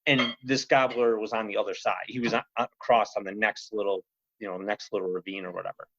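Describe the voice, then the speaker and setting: A man telling a story on a podcast in a rambling, animated way, full of "you know" and "he goes". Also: fairly low pitch, fairly quick, background noise. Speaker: podcast guest. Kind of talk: casual storytelling. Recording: slightly muffled podcast audio.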